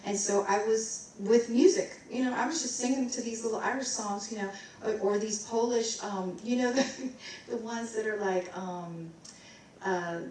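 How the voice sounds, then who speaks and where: A woman's voice: on the high side, normal speed, a little mellow, slight background noise. A middle-aged woman from Maryland, a vocalist, telling her story in a rambling way and scatting bits of tunes. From Maryland, USA. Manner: rambling, scats and sings snippets. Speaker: guest vocalist. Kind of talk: casual onstage interview. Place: recital hall. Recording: roomy hall, distant mic.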